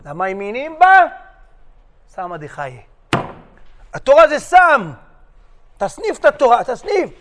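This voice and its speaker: A rabbi gives a lecture as an animated sermon, acting out stories in a high male voice. He is a lively, jokey storyteller who switches voices for characters and leaves long pauses.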